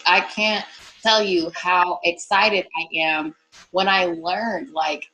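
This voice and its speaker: A woman's voice: fairly low pitch, fairly even intonation, takes it slowly, sharp tone, soft background music, low-quality recording. A woman joining an online meeting, speaking in a gushing, grateful way with lots of "like" fillers. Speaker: meeting participant. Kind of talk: casual call-in comment.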